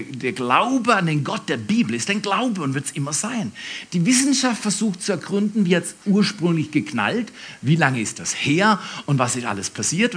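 Preacher, male, husky tone, animated delivery that swings between shouts and whispers. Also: fairly high pitch. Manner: lively, swings from loud emphasis to soft whispers. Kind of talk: sermon.

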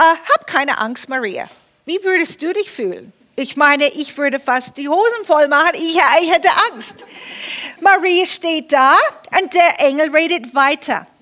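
High bright-voiced woman preaching. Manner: lively storytelling preacher with humor. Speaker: pastor. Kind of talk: sermon. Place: church.

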